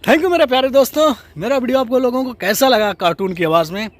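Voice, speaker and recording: A man's voice: extremely high pitch, fast talker, no room sound. A young man, a mimicry vlogger, addressing viewers in a friendly casual outro.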